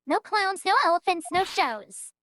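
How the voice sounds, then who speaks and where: A woman voicing a stern circus gatekeeper who speaks in a flat, insistent way. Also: very high voice, measured pace, slight background noise, voice pushed up, heavily acted.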